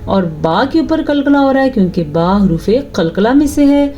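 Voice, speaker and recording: A woman teaching tajweed, explaining each rule patiently and checking her students follow, then reciting verses slowly in a drawn-out chant. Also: high-pitched, expressive, dark tone, highs cut off. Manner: explains rules patiently, asks "ٹھیک ہے؟" after each point.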